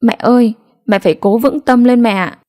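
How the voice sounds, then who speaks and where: A gentle young wife speaking softly and soothingly, voiced by the storyteller close to her own tone. The delivery stays plain and warm-hearted in a storybook reading. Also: a little high, normal speed, no echo, pitched above the performer's own voice, close to an everyday voice. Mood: comforting. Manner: soft, soothing.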